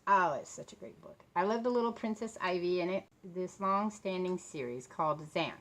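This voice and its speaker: A woman in her late fifties with a fairly low voice, chatting in a loose, rambling way. She sounds tired and under the weather with a sore throat, and her words come out a little off because of a swollen lip. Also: moderate pace, fairly bright tone, poor audio. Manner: talking a bit funny from a swollen mouth. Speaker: vlogger talking about books and authors. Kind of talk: casual rambling chat.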